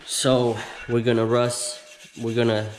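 A man in his thirties hosting a casual how-to video in a home garage, explaining each step slowly with plenty of ums and restarts. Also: mid-range voice, completely flat delivery, a little mellow, slight background noise. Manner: slow, halting step-by-step explaining with many fillers. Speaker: host of a how-to channel. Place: home garage with door open.

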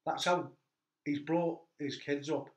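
A middle-aged man hosting a casual interview chat, telling stories with animated bursts. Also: on the high side, slow pace. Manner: animated storyteller, voice jumps up when telling funny bits. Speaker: host. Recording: echoey room.

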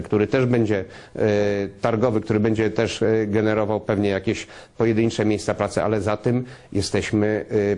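A man answering in an unscripted TV interview as a business executive, halting and promotional, speaking directly to viewers. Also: on the low side, a little mellow. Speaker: interview guest, trade fair business executive.

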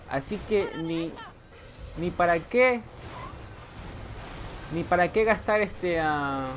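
A man narrates his own horror gameplay in a bright, high register that leaps all over the place. He delivers it unhurried, joking at the screen and breaking into sudden yells. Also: slight background noise. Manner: teases the game character. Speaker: gameplay commentator. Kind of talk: let's play commentary.

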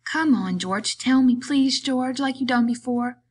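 A woman's voice: sits high, unhurried, darkish tone, pitched above the performer's own voice. A woman voicing a simple-minded, childlike grown man who speaks in a plaintive, pleading rural way. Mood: wheedling.

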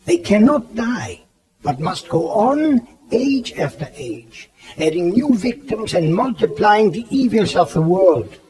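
A man playing a grave, authoritative elderly professor who hunts vampires, speaking deliberately and theatrically in an audio drama. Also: high-pitched, very animated, mellow, exaggerated voice. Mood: grim, solemn. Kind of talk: dramatized audio play acting. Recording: 1979 cassette audio drama, background bustle.

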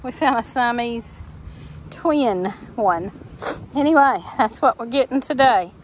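With an animated, higher-pitched voice and an unhurried pace, a middle-aged woman walks the woods behind her farmhouse holding a camera. She's a folksy, chatty homestead vlogger who laughs easily and uses many fillers, and there's slight background noise.

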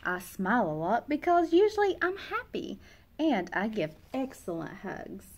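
A woman in her thirties hosts a read-aloud of a children's picture book, her fairly high voice rising and falling dramatically at a measured pace. She expressively acts out the feelings of the young narrator. It takes place in a small indoor classroom or reading room.

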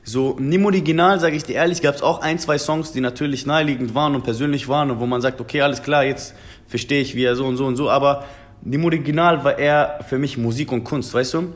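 This German rapper in his twenties talks fast at a medium pitch. During a casual phone video call at a table in an indoor room, he speaks earnestly and keeps calling the interviewer "Bruder."

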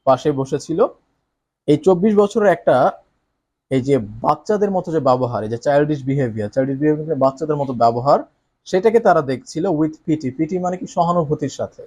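Animated male English teacher, slightly high voice. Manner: switches between explaining and reading English lines slowly with exaggerated expression; often asks tag questions to the viewer. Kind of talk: explaining how to read a story aloud.

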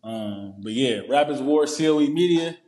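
A man with a Boston accent hosting a solo podcast, talking in a profane, excitable and emphatic way. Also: medium pitch, moderate pace. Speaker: podcast host. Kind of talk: casual solo podcast monologue. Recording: roomy echo.

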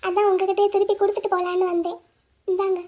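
A woman's voice: extremely high pitch, level tone, fast. A woman voicing a poor, proud young woman in a cartoon drama, sad and resolute. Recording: dull lo-fi audio.

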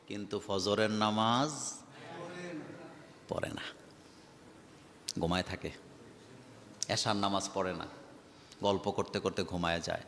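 Emphatic preacher, echoey hall. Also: male voice, lowish voice, vocal fry, a bit bright, a little hiss or hum. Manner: emphatic, rhetorical questions to the audience. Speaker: Islamic preacher. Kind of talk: Bengali waj sermon.

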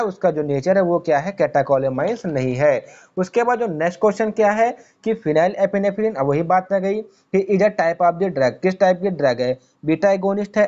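A mellow, fairly high-voiced man works through pharmacy exam questions: he reads each one slowly, then races through the explanation of the multiple-choice answers while asking himself questions. It sounds somewhat dull and lo-fi, like an exam-prep lecture.

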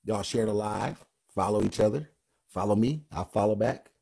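Deep, gravelly man live-streaming. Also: warm tone. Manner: loose and chatty, greets viewers by name; slows down to read scripture aloud. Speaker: livestream host and gospel rapper. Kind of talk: casual livestream Bible talk.

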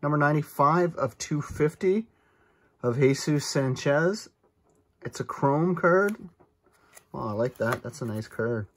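A man's voice: a little high, animated, a little slow, long pauses, slight background noise. A man hosting a casual card-opening vlog, chatting with enthusiasm and frequent asides from an indoor table. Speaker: card-opening channel host.

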